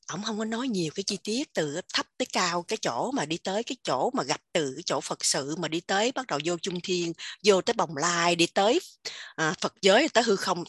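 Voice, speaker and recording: A woman with a Southern Vietnamese accent giving an animated casual spiritual talk, repeating words in quick emphatic bursts. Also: mid-range voice, breathy edge, no echo, studio quality. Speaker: religious teacher sharing insights.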